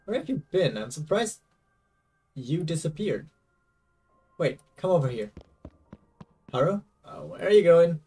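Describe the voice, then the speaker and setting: A man's voice: on the high side, very animated, unhurried, pauses often, mellow, breathy edge, far from the mic, soft background music, heavily acted. Man reading as a confused young hero. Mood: uneasy. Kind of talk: reading game dialogue aloud.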